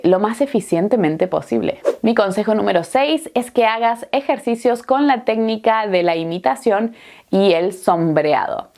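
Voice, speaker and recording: A woman's voice: mid-range voice, darkish tone. A woman from Argentina with an Argentine accent, giving a friendly, encouraging Spanish lesson with a chatty manner and frequent fillers. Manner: chatty, encouraging, laughs easily, many "eh" fillers. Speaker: Spanish teacher.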